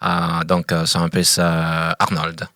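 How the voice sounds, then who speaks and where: A young man from Congo, a master's student guest, answering interview questions hesitantly with many pauses. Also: low voice, monotone, bright, forceful tone, no room sound, studio quality. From Congo, living in South Africa.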